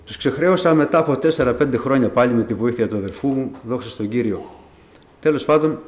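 A middle-aged man telling his personal faith testimony to a congregation in a conversational, storytelling way, acting out the dialogue he recalls. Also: mid-range voice. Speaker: church member giving testimony. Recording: echoey room.

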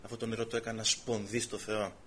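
A man preaching a sermon, retelling conversations and scripture in dramatic storytelling, swinging from soft to loud. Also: on the low side, little pitch movement, a little hiss or hum.

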